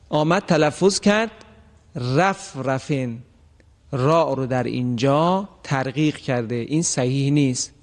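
A man teaching a recitation lesson, explaining the rules and repeating example words slowly and drawn out. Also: mid-range voice, big-room sound.

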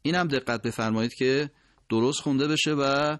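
A man teaching Quran recitation, explaining pronunciation points and slowly drawing out example words. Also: mid-range voice, clear, resonant tone, dry recording, studio quality. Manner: slow, drawn-out demonstration of words. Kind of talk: tajwid lesson explaining pronunciation.

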